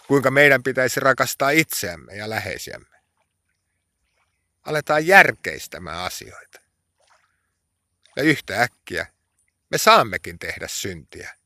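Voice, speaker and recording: A man preaching a sermon, slow and emphatic, his voice rising into pleading, impassioned cries when he prays. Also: mid-range voice, big pitch swings, bright, forceful tone, dry recording.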